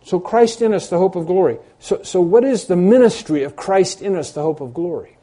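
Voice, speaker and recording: Mellow-voiced male preacher, emphatic and repetitive. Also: high voice. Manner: emphatic, repeats phrases, reads scripture aloud slowly. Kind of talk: expository sermon.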